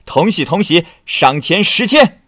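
A man voicing a drunk, boastful male scholar who shouts and slurs with stumbling fillers. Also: mid-range voice, very animated, slow, no room sound, studio quality, pitched above the performer's own voice. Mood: elated. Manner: shouting, slurring with hesitant fillers.

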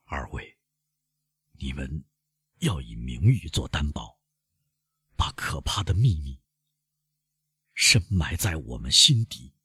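A man reading an audiobook, voicing a shaken prosecutor who speaks in a low, stifled mutter. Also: lively intonation, slow pace, long pauses, husky, full character voice. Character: grim older male prosecutor, shaken and secretive. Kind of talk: audiobook character voice.

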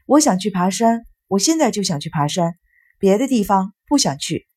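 A woman's voice: mid-range voice, expressive, normal speed, darkish tone, husky, no echo, clean studio sound. A woman voicing a stubborn teenage girl, an older sister who speaks firmly and insists on her way. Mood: insistent. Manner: firm and insistent.

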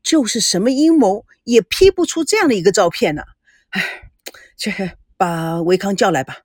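Woman voicing a strict storybook father in his fifties: grave, tired, measured, close dry read. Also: medium pitch, animated, darkish tone, no echo, close to an everyday voice. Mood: stern. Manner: serious and weary. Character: stern middle-aged father, company boss.

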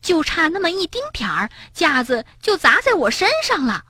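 A woman voicing a small excitable rabbit child in a storybook reading, breathy and quick to scold. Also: no room sound, clean studio sound, heavily acted. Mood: indignant. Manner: shrill, indignant outbursts.

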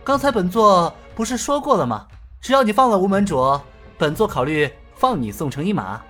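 A male storyteller voicing a calm, confident young hero with an easygoing, placating manner. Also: high voice, moderate pace, in a large hall, faint music behind, pitched above the performer's own voice.

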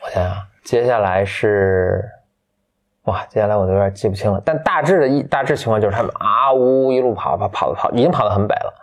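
A man retells a fairy tale in an easy, conversational way, his voice sitting on the low side. He talks loosely, with frequent fillers and restarts as he pieces the story together from memory. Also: fast.

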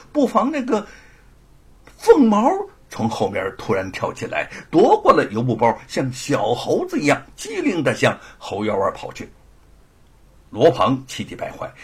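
A man narrating a traditional spoken story in a dramatic, animated way. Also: mid-range voice, moderate pace, husky.

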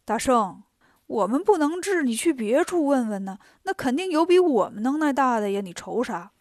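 Gruff old fortune god, played by a woman. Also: high-pitched, sing-song, moderate pace, no echo, clean studio sound. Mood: grumbling.

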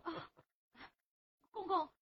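A woman playing a young woman pleading for justice in Huangmei opera, earnest and tearful, on a dull lo-fi recording. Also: very slow. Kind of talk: Huangmei opera stage acting.

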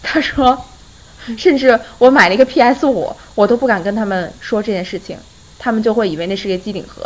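Lively young woman podcast host. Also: a little high, a little fast, poor audio. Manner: lively, often breaks into laughter while retelling. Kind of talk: casual storytelling chat.

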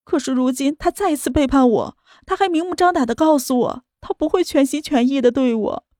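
A woman's voice: sits high, a little fast, warm tone, no echo, clean studio sound, close to an everyday voice. A woman voicing a desperate young woman in an audiobook drama, pleading and tearful. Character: desperate, clinging young woman begging for love.

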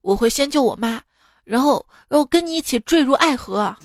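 A woman's voice: high-pitched, expressive, fairly quick. A woman radio host reading listener-submitted jokes in a chatty way, often laughing at them, recorded on a studio mic. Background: faint background music.

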